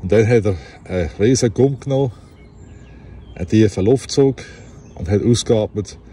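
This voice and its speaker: A man with a Basel Swiss German accent reading a fairy tale aloud outdoors, relaxed and chatty, with laughs and self-corrections. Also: fairly low pitch, normal speed, slight background noise. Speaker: storyteller.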